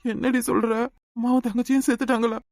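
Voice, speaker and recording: A woman voicing a village husband in a cartoon, with a Kanyakumari Tamil accent and a quick, blunt manner. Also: fairly high pitch, little pitch movement, darkish tone, no room sound, clean studio sound, lightly acted. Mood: alarmed.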